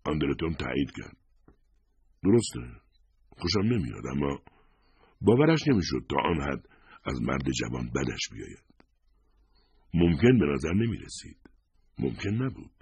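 A man narrating an audiobook in a steady, expressive storytelling manner. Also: rumbling low, creaky, pauses often, husky, no room sound.

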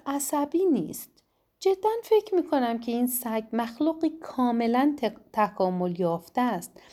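A woman reading the lines of a teasing, mysterious woman mentor in an audiobook, a little higher than her narrating voice. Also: mellow, close to an everyday voice. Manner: teasing, half-whispering at times.

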